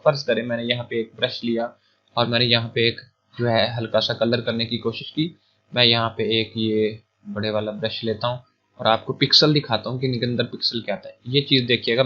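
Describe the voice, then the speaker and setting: A man's voice: medium pitch, highs cut off. A young man from Pakistan teaching an online computing lecture in a chatty, informal way, often repeating points and checking in with his viewers. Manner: chatty, repeats points, keeps adding "theek hai". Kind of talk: informal screen-recorded lecture.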